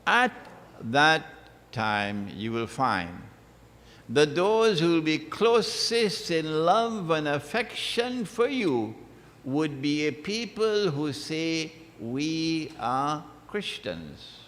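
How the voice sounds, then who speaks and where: A man delivers an unhurried religious lecture, his pitch rising and falling widely as he drives points home. He repeats key phrases for emphasis. The sound carries a long reverb, like a large hall. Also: sing-song, fairly bright tone. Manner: emphatic, repeats phrases, recites Arabic verses. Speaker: Islamic lecturer.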